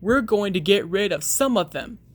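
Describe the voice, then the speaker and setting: A woman's voice: medium pitch, animated, normal speed, natural voice. A woman voicing an exasperated mother who scolds her son about his toys. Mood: firm. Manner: stern, scolding, raised voice.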